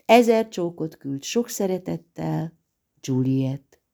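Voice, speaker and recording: A woman narrating an audiobook of a novel written as letters, reading dramatically and swinging from loud passages to near-whispers. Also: deep voice, animated, creaky.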